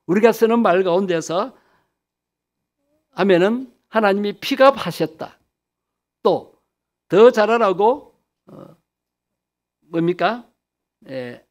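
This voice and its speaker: A man's voice: high voice, lively intonation, slow pace, long pauses. A man pastor preaching a sermon, asking the congregation questions and answering them himself, stretching key phrases for emphasis.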